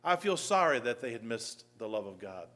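Earnest male pastor, mid-pitched voice, preaching in church, swings between emphatic reading and quiet reflection. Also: big pitch swings, moderate pace. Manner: earnest, rises to emphatic scripture reading, drops soft and low. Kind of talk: sermon.

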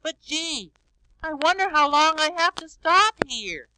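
A man voicing a big, sweet, childlike yellow bird on a read-along record, innocent and wondering aloud. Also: extremely high pitch, animated, unhurried, background noise. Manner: innocent, wondering, talks to himself.

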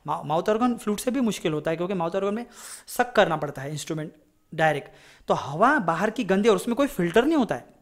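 A man's voice: sits high, expressive, quick pace. A man teaching a casual flute lesson, chatty and rambling, often checking in with his students. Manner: chatty, rambling, digresses into advice; repeats "ठीक है?" to check in. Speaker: music teacher.

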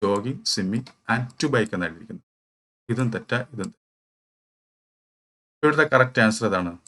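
A man's voice: lowish voice, lively intonation, moderate pace, a bit bright. A man with a Malayali accent teaching English grammar for an exam, explaining step by step and answering his own questions. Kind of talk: exam-prep lecture.

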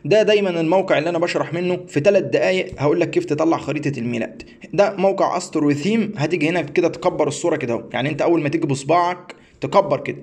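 A man's voice: on the high side, creaky. A man with an Egyptian Arabic accent, explaining a website step by step in a rambling, repetitive way, often stumbling and restarting. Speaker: astrology teacher. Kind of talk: screen-share tutorial.

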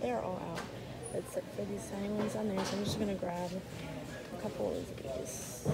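A woman in her twenties casually vlogs to a phone held at arm's length, chatting as she shops through store aisles and later from a parked car. Her mid-range voice is flat, with vocal fry at a normal speed, and heavy background noise surrounds her.

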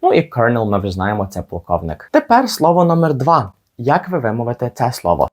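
A young man teaching English pronunciation, patiently repeating each word slowly for learners. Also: mid-range voice, huge pitch swings. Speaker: English teacher on his channel.

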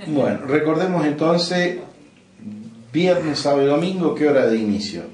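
A man's voice: on the high side, expressive, moderate pace, a crowd in the background. Man, Argentine accent, interviewer, polite, brief, echoey room. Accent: Argentine Spanish. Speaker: radio interviewer. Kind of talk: casual interview. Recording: echoey room, faint noise.

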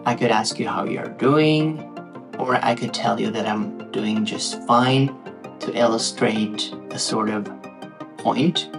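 A Norwegian man in his thirties with a low-ish voice and slow pace hosts a playful, chatty talking-head tutorial, tossing asides to viewers. Guitar music plays underneath, and he sits in an indoor room with frosted glass behind him.

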